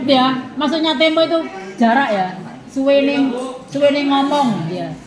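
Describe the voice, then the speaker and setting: A fairly high-voiced woman teaches a class, tagging "ya" onto nearly every phrase and repeating each answer slowly. Her voice rings around a reverberant classroom. Students murmur steadily behind her. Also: expressive, a crowd in the background. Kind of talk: classroom lesson.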